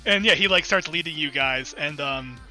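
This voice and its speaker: A man's voice: on the high side, moderate pace, pushed and bright, faint music behind. A man narrating as game master in a rambling, filler-heavy way.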